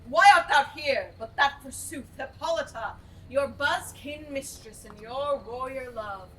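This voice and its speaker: A woman's voice: high-pitched, takes it slowly, fairly bright tone. A woman acting a proud, wrathful fairy queen in verse on stage, with a hammy, declamatory Shakespearean delivery. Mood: haughty anger. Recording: distant mic, noisy stage recording.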